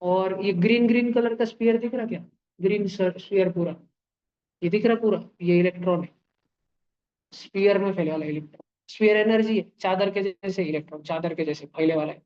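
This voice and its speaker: A man's voice: high voice, fairly quick, highs cut off. A man teaching chemistry to a class in a playful way, with sound effects, homely comparisons and frequent checks that students follow. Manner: keeps checking with students through questions. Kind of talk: live online class lecture.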